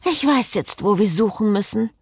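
Woman reading a drowsy teasing hungover young woman, husky voice, lively pitch. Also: moderate pace, no echo, clean studio sound.

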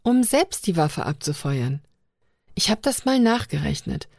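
A woman voicing a sharp-tongued young woman on a starship, speaking in a raised, mocking tone. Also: sits low, big pitch swings, measured pace, creaky, dry recording, studio quality, heavily acted. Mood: earnest.

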